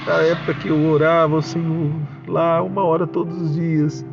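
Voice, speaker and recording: Brazilian man, devout testimony, gravelly fervent delivery, lo-fi home recording. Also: a little high, flat delivery, moderate pace, over music. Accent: Brazilian Portuguese. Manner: fervent, addresses listeners as brothers, exclaims praise. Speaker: church member giving a testimony. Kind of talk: spoken religious testimony to a channel's audience. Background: noisy motorbikes passing outside.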